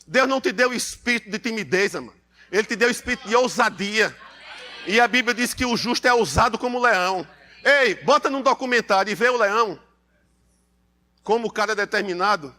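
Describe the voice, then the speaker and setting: A man's voice: sits high, a little fast, sharp tone. A Brazilian man preaching a sermon in church, emphatic and repetitive, calling the congregation beloved. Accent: Brazilian Portuguese. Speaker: pastor.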